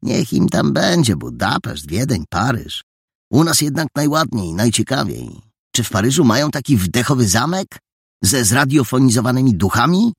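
A man voicing a cheeky, talkative teenage boy with a quick, salesman-like patter in an audiobook. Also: mid-range voice, very animated, husky, dry recording, studio quality, voice pushed up. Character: cheeky, chatty teenage boy with a knack for business.

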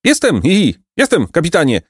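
A man's voice: fairly high pitch, wildly swooping pitch, moderate pace, slightly rough, no room sound, clean studio sound, voice pushed up, heavily acted. A man voicing a chubby robber who giggles through everything he says. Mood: giggly. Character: chubby giggling male robber, shiny-faced and merry.

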